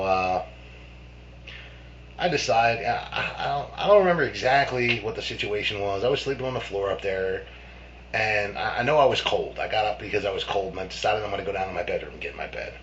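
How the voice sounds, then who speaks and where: In a rambling, profane, offhand way, a man with a lowish, slightly bright voice recounts a ghost story from his childhood, restarting often and leaning on fillers. The recording is dull and lo-fi, with a faint hum.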